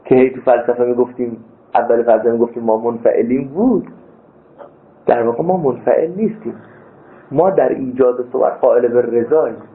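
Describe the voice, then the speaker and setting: A man teaching a philosophy class as a seminary lecturer, stressing key points with sudden leaps in pitch. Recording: tinny phone-like sound.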